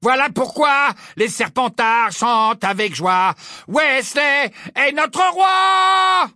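A man voicing a jeering crowd of young sports fans in an audiobook, chanting slowly and loudly. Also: extremely high pitch, lively intonation, dry recording, studio quality, pitched above the performer's own voice, full character voice. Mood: mocking. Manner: slow, drawn-out mocking chant, shouted. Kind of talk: audiobook character voice.

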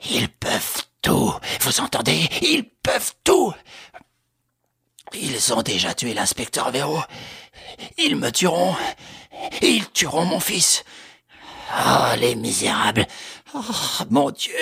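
A man's voice: a little high, gravelly, sharp tone, slightly rough, dry recording, studio quality, voice pushed up, full character voice. A man voicing a frightened older male engineer who pleads and cries out in panic. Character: terrified older man, wealthy engineer, desperate.

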